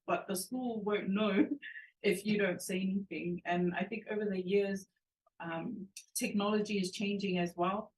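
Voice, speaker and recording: Woman teacher from New Zealand, lowish voice, thoughtful and measured, mic a little far off. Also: a little mellow. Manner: measured, thoughtful, frequent ums. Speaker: teacher and guest. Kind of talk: panel discussion. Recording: distant from the mic.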